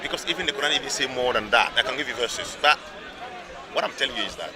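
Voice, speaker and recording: A man with a medium-pitched voice talks fast as he argues insistently in a heated street debate, repeatedly saying "listen" to hold the floor. Onlookers crowd around this outdoor public speaking area.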